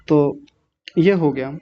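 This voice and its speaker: A man teaching Sanskrit pronunciation in an online class, correcting syllable by syllable and clearing his throat often. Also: fairly high pitch, a little mellow, muffled recording. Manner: slow, deliberate syllable-by-syllable correction.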